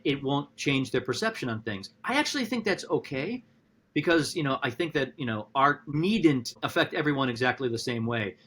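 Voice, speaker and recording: A man who is a philosophy professor, talking in a podcast conversation, animated and thinking aloud with frequent restarts. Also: breathy edge. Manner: animated, talks through ideas with frequent restarts; acts out quotes with sudden high-pitched voices.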